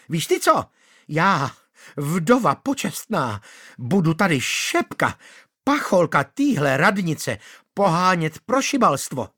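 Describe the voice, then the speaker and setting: A man voicing an angry widow who shrieks and scolds her deceitful suitor in a shrill voice. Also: pushed and bright, full character voice. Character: shrieking, furious middle-aged widow, woman. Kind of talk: audiobook character voice.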